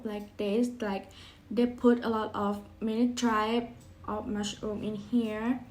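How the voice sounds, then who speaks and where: In a casual food vlog to camera, a woman chats in simple, hesitant English with non-native phrasing. Her voice is fairly high and a little mellow.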